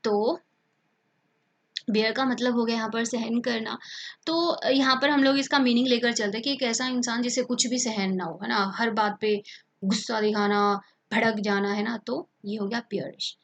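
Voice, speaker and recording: A woman's voice: on the high side, steady tone, normal speed, muffled recording. A woman teaching an exam-prep vocabulary lesson, explaining words in Hindi and repeating terms, often checking in with her students.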